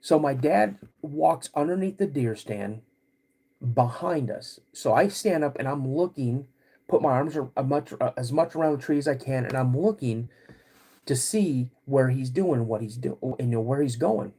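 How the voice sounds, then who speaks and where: A man hosting a podcast, recounting a personal story in a halting, repetitive, suspenseful way. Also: medium pitch, expressive, creaky, dark tone, breathy edge. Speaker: podcast host.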